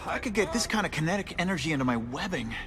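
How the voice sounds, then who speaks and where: A man's voice: a little high, big pitch swings, quick pace. An actor playing a young wisecracking male superhero in a video game, talking in a casual, quippy way. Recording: game audio with music.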